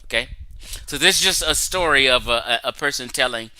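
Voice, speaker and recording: A man's voice: mid-range voice, fairly quick, bright, forceful tone, dry recording, poor audio. A man hosting a casual livestream, lecturing emphatically and checking in with his audience, often reading text aloud from his screen. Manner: emphatic, lecturing, frequent "okay?" and "right?". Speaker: online talk show host.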